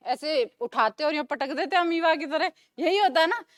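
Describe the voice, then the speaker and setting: A young woman with a high, light voice teaches a class, throwing out questions and answering them herself as she goes over each term again. Her voice sounds close and dry, with no room echo. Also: lively intonation, normal speed. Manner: asks questions and answers them herself, repeats key terms. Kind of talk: classroom lecture.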